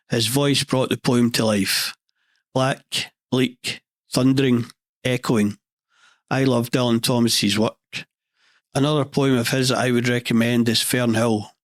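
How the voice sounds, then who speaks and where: A middle-aged Scottish man with a monotone delivery, hosting a scripted podcast monologue with dry, deadpan humour. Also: medium pitch, no echo. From Scotland. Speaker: podcast host.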